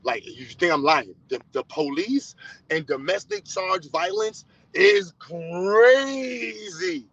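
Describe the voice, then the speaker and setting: A high, sing-song, creaky voice with a slightly bright edge belongs to an American man hosting a casual livestream. He speaks slowly, blunt and teasing as he addresses viewers directly. There's no room sound, and the audio is dull and lo-fi.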